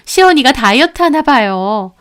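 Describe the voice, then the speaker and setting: A sly young stepmother speaks in a syrupy, fake-polite tone while making excuses, voiced by a woman. Her pitch sits somewhat high, in a storybook audio drama. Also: animated, moderate pace, fairly bright tone, clean tone. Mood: falsely sweet. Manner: falsely sweet, excusing.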